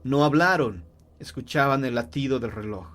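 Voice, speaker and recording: A man narrating a horror tale in a measured, grave storytelling voice. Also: medium pitch, fairly bright tone.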